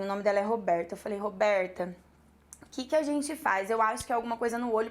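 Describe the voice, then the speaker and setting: A woman in her thirties with a Brazilian accent tells her students a story from her work as a makeup artist. She talks in an animated way and acts out every exchange in quoted dialogue. Her voice sits a little high. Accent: Brazilian Portuguese. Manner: lively, animated retelling with quoted dialogue and laughs.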